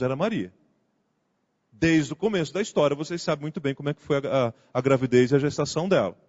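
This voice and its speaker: A male pastor giving a conversational sermon, acting out the quoted dialogue as he goes. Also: a little high. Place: church sanctuary. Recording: muffled sound with long hall reverb.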